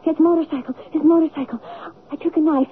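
A woman's voice: sits high, fairly even intonation, fast talker, close to an everyday voice. An actress playing a distraught teenage girl in an old radio drama, pleading and insistent, on a tinny lo-fi broadcast recording. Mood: confessing. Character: distraught teenage girl Helen, guilt-ridden.

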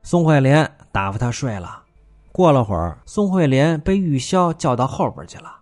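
A man's voice: mid-range voice, lively intonation, moderate pace, a little mellow, soft background music. A man narrating a classic tale as a storyteller, with wry commentary between scenes.

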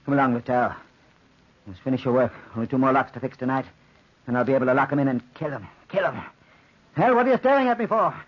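A man's voice: mid-range voice, fast, husky, natural voice. An actor playing an obsessive, imperious old man who mutters and repeats himself in an agitated way, in old radio drama style. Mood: menacing, agitated. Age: older. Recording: dull, lo-fi old radio recording.

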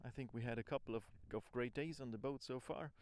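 A man's voice: medium pitch, fast talker, a little mellow. A man speaking non-native English with a Swiss accent, rambling informally and thinking aloud as he records a casual audio diary as an amateur podcaster.

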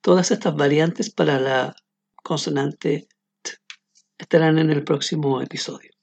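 A man teaching English pronunciation in a scripted podcast, explaining clearly and modeling words slowly. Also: on the high side, fairly even intonation, darkish tone, no echo, dull audio.

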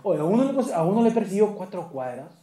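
A man's voice: high voice, sing-song, rapid-fire, over a noisy crowd. A man with a Peruvian accent, animatedly telling a story in casual, slang-heavy, swear-filled chat with a friend. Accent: Peruvian Spanish. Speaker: podcast co-host.

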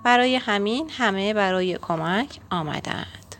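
A woman voicing a brisk, caring farm mother who hurries her children along in a children's storybook. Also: medium pitch, fairly bright tone, soft background music, natural voice.

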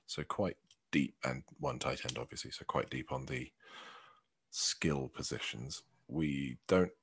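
A man's voice: a bass voice, a little slow, fairly bright tone, breathy edge, no room sound, clean studio sound. A man co-hosting a podcast in casual chat over an online call, his audio choppy and cutting out from an unstable connection. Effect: choppy audio that cuts out, from an unstable internet connection. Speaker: podcast co-host.

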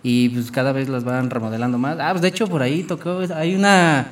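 A man's voice: mid-range voice, steady tone, a little fast, far from the mic. Slangy, joking Mexican man hosting radio. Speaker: radio show host. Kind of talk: casual slangy chat.

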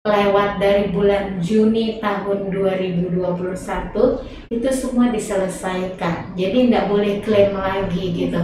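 A woman being interviewed, telling her story in an animated way and slipping English phrases in. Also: mid-range voice, unhurried, distant mic, background noise. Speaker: interview guest. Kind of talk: conversational interview. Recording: echoey room, voice off-mic.

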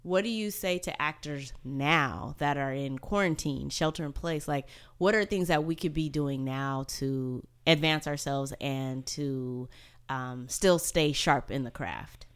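A woman interviewing a guest in a relaxed chat, agreeable and quick to affirm. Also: low voice, clean tone. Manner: agreeable, lots of affirming backchannels.

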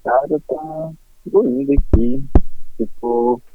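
A man's voice: mid-range voice, fairly even intonation, takes it slowly, over music. A man with a Brazilian Portuguese accent chatting casually and slangily as an interview guest on a phone call.

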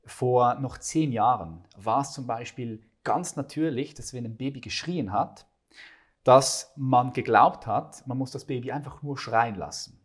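A man's voice: mid-range voice, measured pace, breathy edge. A man hosting a casual talk, earnestly explaining ideas at length with frequent restarts. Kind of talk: casual conversation.

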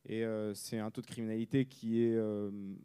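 A man from France, an author and former reporter, answering interview questions in a measured, reflective way and often pausing to find his words. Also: on the low side, little pitch movement, dark tone, clean tone.

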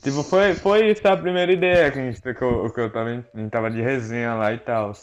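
A man's voice: mid-range voice, steady tone, quick pace, lo-fi sound. A man, a podcast guest, telling a story in slangy, laid-back casual chat.

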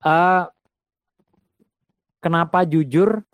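A man talking about songwriting in a casual conversation, reflective and halting, restarting his sentences. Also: fairly high pitch, no room sound.

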